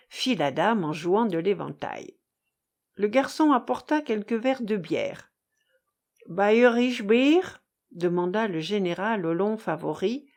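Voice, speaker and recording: Brief: woman audiobook narrator, slow and measured, with a lively, wide-ranging pitch. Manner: measured, expressive reading. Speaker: audiobook reader. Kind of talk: scripted narration.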